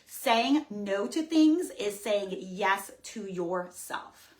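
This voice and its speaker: A woman's voice: mid-range voice, extremely slow. Woman fitness coach, casual webinar talk, punchy and emphatic, keeps asking right?. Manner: energetic, emphatic, often checks in with "right?".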